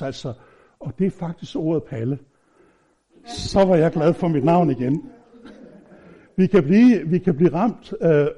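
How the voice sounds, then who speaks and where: Preacher, male, fairly high and very mellow voice, chatty and halting, dull lo-fi recording. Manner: informal, halting, with frequent fillers and restarts; humorous personal anecdotes. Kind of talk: conversational sermon.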